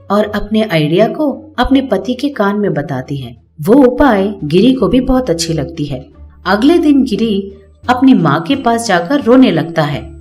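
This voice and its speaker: A woman's voice: medium pitch, a little mellow. Woman narrating a bedtime story.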